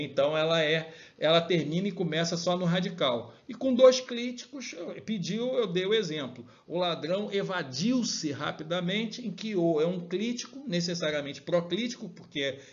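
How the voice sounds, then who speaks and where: A man's voice: high voice, highs cut off. A male teacher explaining grammar in a recorded lecture, often checking in with his students. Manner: explanatory, frequent tag questions.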